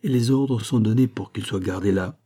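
A man's voice: lowish voice, moderate pace, warm tone, close to an everyday voice. A man reading aloud, voicing a dignified, anxious middle-aged male official who pleads and warns.

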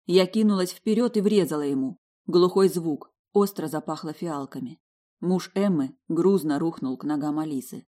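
A woman giving a lively, expressive first-person audiobook narration. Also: low voice, normal speed.

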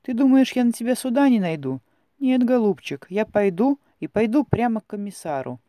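A stubborn old Cossack villager grumbles and mutters to himself, played by a man. The voice sits high and pushes out loudly and indignantly, in a dry, close sound. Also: lively intonation, normal speed, no room sound.

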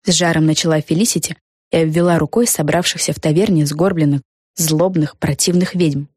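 A woman narrating a children's audiobook in a lively, expressive reading. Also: low voice, fairly quick, slightly rough, no echo, clean studio sound. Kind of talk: scripted storybook narration.

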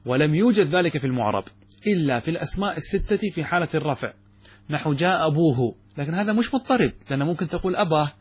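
Husky-voiced man teaching Arabic grammar. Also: a little high, no room sound. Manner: asks the class rhetorical questions, reads quotes then explains. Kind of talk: lecture explaining a grammar text.

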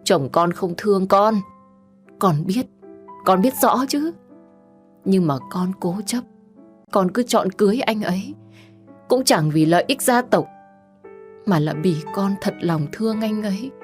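A woman voicing a wronged young wife who pleads through tears, her voice climbing in shrill, tearful outbursts. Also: unhurried, pauses often, a little mellow, soft background music, lightly acted. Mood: sobbing. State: crying.

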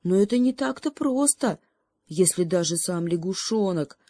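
A woman's voice: on the low side, expressive, moderate pace, warm tone, no echo, lightly acted. Woman doing a timid, plaintive young hare. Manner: plaintive, hesitant.

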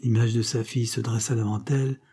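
A man's voice: mid-range voice, level tone, fairly quick, dark tone, slightly rough. A man narrating an audiobook as a dramatic scripted reading.

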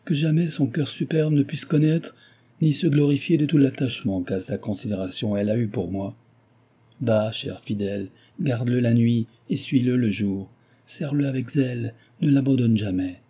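A man's voice: normal speed, mellow, breathy edge. A male audiobook reader voicing a proud, distressed young woman heiress, pleading and emotional in tone. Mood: tender lament. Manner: pleading, emotional, high-strung. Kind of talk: audiobook reading.

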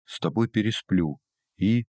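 A sly old overseer from underground, gruff and scornful, drawling his words in a deep, low voice, as a male narrator plays him. The reading is close and dry. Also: unhurried, warm tone, no echo. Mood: gruff mocking.

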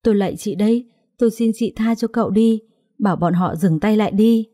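A woman's voice: mid-range voice, fairly quick, mellow, no room sound, clean studio sound, pitched above the performer's own voice, close to an everyday voice. A woman voicing a frightened young pregnant wife who pleads in a tearful, desperate way. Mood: pleading.

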